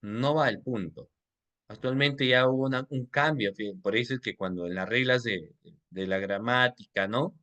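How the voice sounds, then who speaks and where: A man's voice: on the low side, fairly bright tone. A man teaching an online class on legal writing, who quizzes his listeners, repeats his questions and addresses them as doctors. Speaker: law instructor.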